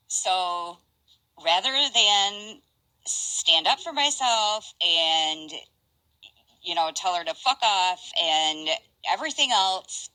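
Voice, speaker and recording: Slow low-voiced older woman rambling. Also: sharp tone, dry recording, poor audio. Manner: rambling, halting, restarts and asides. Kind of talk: casual live-stream chat reading messages.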